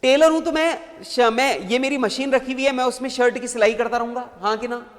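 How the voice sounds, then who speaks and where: A man with a high voice lectures a class, joking and prodding the students to answer. The sound carries a long reverb, as in a big hall. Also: fairly quick. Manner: lively, joking, keeps asking the class to answer. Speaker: teacher.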